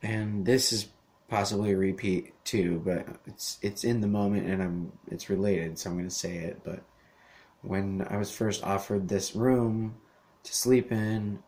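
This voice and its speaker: Speaking unhurriedly in a lowish, somewhat mellow voice with fairly even intonation, a thirties-aged male podcast host carries a solo monologue. He wanders as he talks, leaning on fillers, starting over often and swearing casually.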